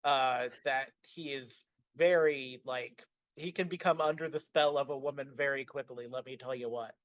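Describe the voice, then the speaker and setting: A man's voice: medium pitch, fairly even intonation, normal speed, a bit bright, dry recording, muffled recording. A man co-hosting a podcast in casual discussion, chatty with frequent fillers and restarts. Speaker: podcast co-host.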